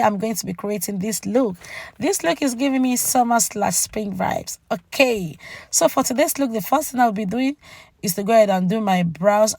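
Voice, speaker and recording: Female beauty vlogger, casual voice-over, cracking gravelly voice from a cold, mid pitch, talks directly to viewers. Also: a little mellow, no echo. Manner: chatty, addresses viewers directly with tag "okay?". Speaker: beauty channel host. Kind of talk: makeup tutorial voice-over, casual narration.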